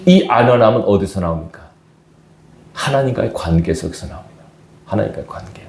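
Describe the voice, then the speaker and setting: A man's voice: fairly low pitch, animated, fairly quick, darkish tone, roomy sound, slight background noise. A man preaching a sermon as pastor to his congregation, often asking them questions. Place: church sanctuary.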